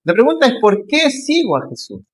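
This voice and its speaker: A male pastor preaching a sermon, rising into emphatic questions and slowing to stress key phrases. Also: very high voice, huge pitch swings.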